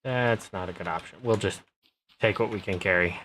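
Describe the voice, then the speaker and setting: Low-voiced man muttering over gameplay. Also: normal speed, fairly bright tone, slight background noise. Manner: mumbled, thinking aloud to himself. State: hiccups. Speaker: gaming channel host. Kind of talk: casual gameplay commentary.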